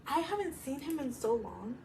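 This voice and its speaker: Animated young woman, chatty podcast co-host. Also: sits high, normal speed, creaky, slight background noise. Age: 20s. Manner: animated storytelling with frequent laughs and filler "like". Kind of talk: casual chat.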